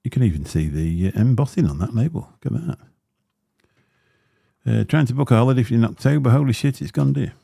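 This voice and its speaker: A deep-voiced, gravelly guy rambles on a home livestream as he unboxes gear, chatty and full of fillers with grumbling asides. He's expressive and brisk, with a warm tone. A dynamic studio mic up close keeps the sound dry, with no echo.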